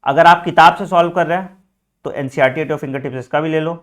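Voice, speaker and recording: Man, teacher, casual study advice, direct, frequent check-ins, slightly high voice. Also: fairly quick. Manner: frequent "theek hai" check-ins, addresses students as beta; direct, teacherly, mixing English phrases. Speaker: exam coaching teacher.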